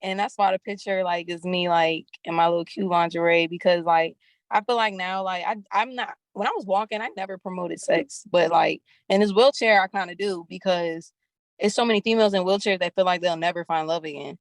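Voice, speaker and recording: A woman's voice: fairly low pitch, fairly even intonation, a little fast, no room sound. A young woman, a rapper guest in a casual interview, talking bluntly and candidly with lots of slang and swearing.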